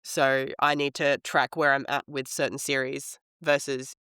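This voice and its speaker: A man hoarse from a head cold, with a smoker's rasp, chatting casually and informally as a podcast co-host. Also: medium pitch, level tone, measured pace, pushed and bright, dry recording, clean studio sound. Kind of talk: casual chat about books.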